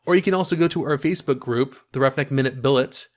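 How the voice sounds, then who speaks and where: A man's voice: medium pitch, fast talker. A man co-hosting a casual podcast, joking and insistent as he pushes a mock conspiracy theory and reads the show's sign-off. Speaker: podcast co-host.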